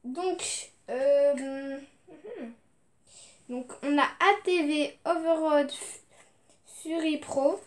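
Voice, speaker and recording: Speaking very slowly and pausing often, a young woman with a high-pitched voice shows her video game collection in a casual unboxing chat. She comes across as hesitant, with many fillers and restarts.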